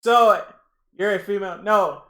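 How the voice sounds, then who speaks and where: A young man with a high, bright voice hosts a casual live reaction stream. He rambles excitably, stumbles and repeats himself, and keeps turning to address his chat. It sounds like a desk mic. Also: unhurried. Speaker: livestream host.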